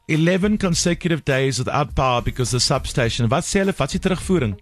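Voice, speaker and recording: A man's voice: a little high, expressive, fast talker, soft background music. A South African man hosting a radio phone-in, chatting casually and emphatically, switching between English and Afrikaans. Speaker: radio talk show host. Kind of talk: casual bilingual phone-in chat.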